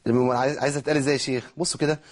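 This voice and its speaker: A man with an Egyptian accent teaching Quran recitation rules, explaining quickly and slowing down to model drawn-out words. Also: mid-range voice, steady tone. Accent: Egyptian Arabic. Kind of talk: tajweed lesson, explaining and demonstrating.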